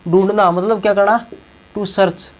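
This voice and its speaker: Young male teacher with a high voice who repeats key words and keeps checking in with the class. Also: steady tone, unhurried, rough recording. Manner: repeats words and tags lines with a check-in phrase. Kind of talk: classroom lesson explaining English verbs in Hindi.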